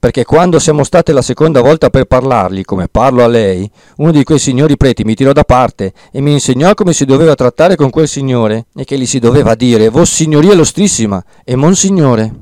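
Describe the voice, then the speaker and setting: A man's voice: medium pitch, lively intonation, fairly quick, few pauses, a little mellow, dry recording, natural voice. A man voicing a plain-spoken peasant woman. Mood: insistent. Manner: earnest, correcting, insistent. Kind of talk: audiobook character reading.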